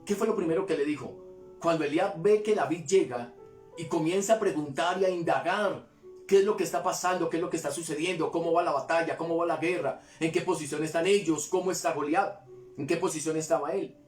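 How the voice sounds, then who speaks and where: A man's voice: fairly high pitch, a little fast, echoey room, soft background music. A man preaching a devotional sermon as pastor, asking rhetorical questions and repeating his points for emphasis.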